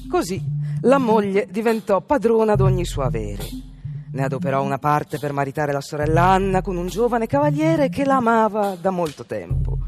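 A woman narrating a fairy tale on the radio in an expressive, dramatic way. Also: fairly low pitch. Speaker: storyteller.

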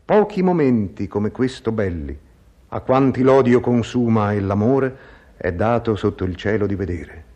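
A man giving a dramatic poetry recitation in measured, declamatory phrases. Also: lowish voice, lively intonation, mellow, dull audio.

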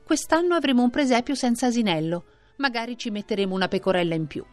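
Woman doing a mean bossy aunt, high and snippy, storybook style. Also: a little mellow, natural voice. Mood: scornful. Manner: brisk, scornful, dismissive.

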